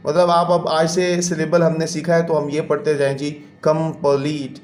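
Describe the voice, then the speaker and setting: A man's voice: a little high, little pitch movement, moderate pace, darkish tone. Patient male teacher in an echoey room. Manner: patient, explains step by step, counts syllables aloud. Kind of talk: classroom lesson explanation.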